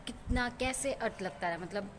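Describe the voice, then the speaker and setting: A woman's voice: medium pitch, moderate pace, noisy background. A woman from Pakistan chatting casually to her viewers in a vlog, telling a story and pointing things out around her. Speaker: vlogger. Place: rooftop outdoors.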